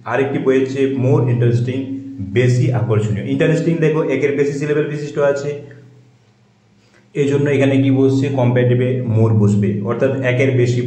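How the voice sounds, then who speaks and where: A man explains a grammar lesson in a warm, mellow voice. He asks questions and answers them himself, and he reads example sentences slowly and carefully. The sound is echoey, as from a bare room. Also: medium pitch. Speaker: English grammar teacher.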